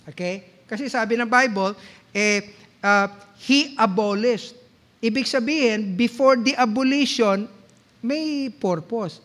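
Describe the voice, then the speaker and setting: A Filipino pastor preaching a sermon in mixed Tagalog and English, teaching like a lecturer and often checking in with the congregation. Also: male voice, high-pitched, a bit bright. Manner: teacherly, asks the congregation questions and checks in with "okay?"; slow, deliberate delivery with drawn-out quoted verses. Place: church sanctuary.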